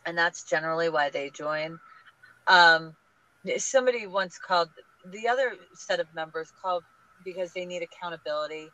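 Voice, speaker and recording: Upbeat woman guest handing out advice on a podcast, muffled low-fi audio. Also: moderate pace, no room sound. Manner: energetic, emphatic, advice-giving. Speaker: guest, small business group leader. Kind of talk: casual podcast interview. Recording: dull lo-fi audio.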